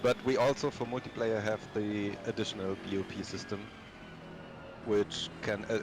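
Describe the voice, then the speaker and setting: A man's voice: on the low side, fairly even intonation, normal speed. A man chatting casually as a teammate during a sim race. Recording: clear engine noise behind voice. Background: racing car sounds.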